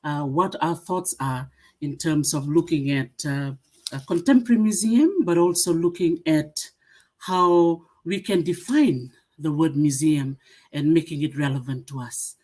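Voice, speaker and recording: A middle-aged woman from Fiji giving a webinar presentation, pausing often with "uh" as she lists her points. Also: deep voice. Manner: many "uh" fillers, warm greetings, listing points. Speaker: museum association secretary-general speaker.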